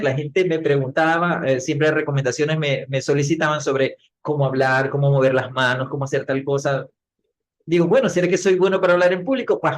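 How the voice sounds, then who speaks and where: A middle-aged man, a public speaking coach, telling his story as a podcast guest in an animated way, acting out what he said back then. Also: mid-range voice. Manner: animated, acts out his own past words.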